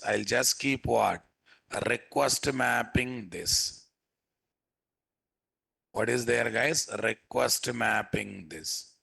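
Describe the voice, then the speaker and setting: A man's voice: mid-range voice, creaky, sharp tone, slightly rough. A man with a Telugu accent teaching a live programming lesson as an instructor, repeating phrases and often checking with his listeners through questions. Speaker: software instructor.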